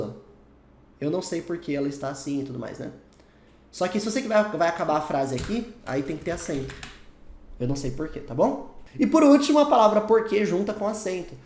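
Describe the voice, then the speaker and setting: A man's voice: sits high, darkish tone, reverberant. A man with a Brazilian Portuguese accent teaching a whiteboard lesson, explaining patiently and often checking in with the learner. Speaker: English teacher.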